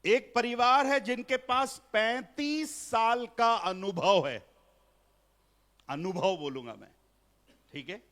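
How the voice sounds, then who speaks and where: With a very high, slightly bright voice, a middle-aged pastor speaks slowly and pauses often during a Hindi sermon at a family seminar. In the church hall, he mixes English phrases into his preaching and jokes with the congregation.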